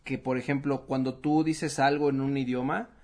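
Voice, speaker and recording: A man's voice: medium pitch, flat delivery, normal speed, a little mellow. A man with a Mexican accent chatting casually, joking around and using heavy slang. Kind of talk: casual chat.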